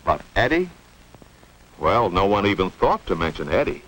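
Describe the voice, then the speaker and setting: A man's voice: low voice, sing-song, normal speed, fairly bright tone. An American man narrating a 1950s instructional film in an explanatory way, posing rhetorical questions. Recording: noisy vintage 1950s film soundtrack.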